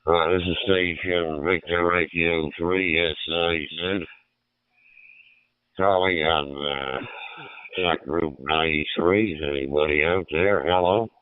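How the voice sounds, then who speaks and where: Low slow man heard over radio. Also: steady tone, smooth, dry recording. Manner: hesitant, many fillers. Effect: heard over a radio transmission. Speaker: amateur radio operator. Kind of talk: calling on a radio channel. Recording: tinny distant radio signal.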